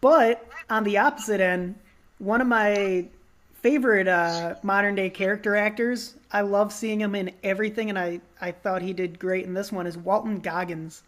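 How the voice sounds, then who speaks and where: A woman's voice: mid-range voice, normal speed. Joking woman co-hosting a movie podcast. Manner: joking, teasing, lots of ums. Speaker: podcast co-host. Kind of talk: casual movie chat.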